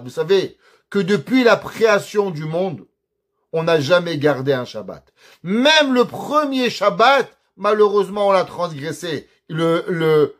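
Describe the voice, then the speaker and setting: A man, a rabbi, giving a Torah lesson and weaving Hebrew quotations into his teaching, often asking questions and answering them himself. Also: high-pitched. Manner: mixes Hebrew quotes into his explanation.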